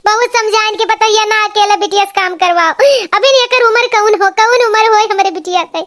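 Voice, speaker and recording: A woman's voice: very high voice, a little fast, a bit bright. A woman playing a wailing old village mother. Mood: anguished. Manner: wailing, pleading. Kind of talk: cartoon voice acting.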